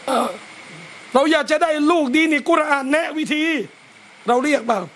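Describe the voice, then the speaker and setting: A man, a religious teacher, gives a lively lecture at a home gathering, talking straight to his listeners. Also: very high voice, moderate pace, a little hiss or hum. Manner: lively, talks straight to listeners and acts out scolding parents.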